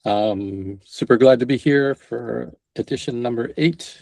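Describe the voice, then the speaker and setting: A man's voice: mid-range voice, unhurried, vocal fry, darkish tone, no echo, rough recording. A man on an online meeting, talking in an easygoing way with lots of ums. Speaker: community participant. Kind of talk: casual online meeting chat.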